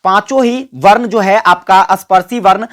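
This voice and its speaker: A man's voice: sits high, moderate pace. Guy teaching exam grammar, asks questions then answers them himself, makes you say sounds along with him. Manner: quizzes listeners and answers his own questions; has listeners repeat sounds with him. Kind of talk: exam-prep grammar lesson.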